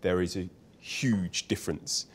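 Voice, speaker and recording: Host, man, 30s, deep low voice, calm questions, small studio, lapel mic. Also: breathy edge. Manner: measured, agreeable questioning. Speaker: interviewer. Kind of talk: seated conversational interview. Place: small bright studio set.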